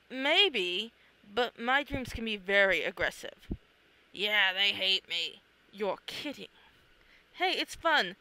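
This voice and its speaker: A medium-pitched, pushed, bright and smooth voice performs a read-through of the speaker's own comic, playing the characters in an exclamatory, theatrical manner. The recording is of poor quality.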